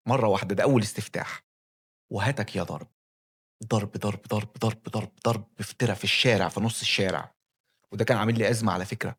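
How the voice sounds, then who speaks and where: A man's voice: on the low side, breathy edge. A man with an Egyptian Arabic accent telling a personal life story as a candid, conversational monologue, speaking straight to the listener.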